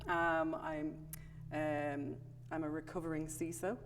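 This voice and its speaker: A middle-aged conference presenter from Ireland, with a Dublin accent, gives a chatty, self-deprecating talk at a podium microphone, dropping in plenty of ums. Her voice is low-pitched and flat, and she takes her time. The large conference room adds long hall reverb and faint room noise.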